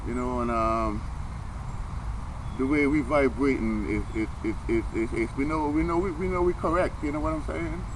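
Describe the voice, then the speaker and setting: A man talks in Rasta speech with street phrasing, rambling casually but earnestly, like preaching. He often gets stuck and repeats a word several times. His voice sits at a medium pitch, with clear outdoor car and city noise around it. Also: moderate pace. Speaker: vlogger. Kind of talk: casual rambling monologue to camera. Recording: noisy, outdoor traffic ambience.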